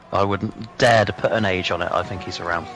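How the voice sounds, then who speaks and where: A man with a lowish voice calls a sim racing broadcast, teasing his partner and laughing often. Loud music plays under his commentary. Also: moderate pace. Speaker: race commentator.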